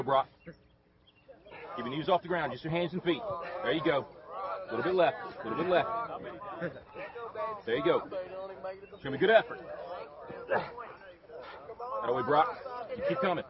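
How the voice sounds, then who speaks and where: A man's voice: on the high side, lively intonation, moderate pace, long pauses, a crowd in the background, natural voice. An actor playing a demanding male football coach, urging a player on with repeated short commands on a field. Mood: instructing. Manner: urgent shouted encouragement, repeating short commands. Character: driven male high school football coach, demanding and relentless. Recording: dull film audio, distant, loud score.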